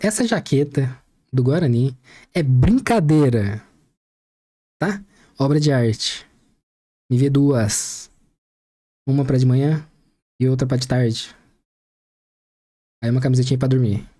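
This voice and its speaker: A man's voice: mid-range voice, measured pace, pauses often, warm tone. A man hosting a reaction video, making jokey, chatty asides about a press conference. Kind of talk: casual joking commentary.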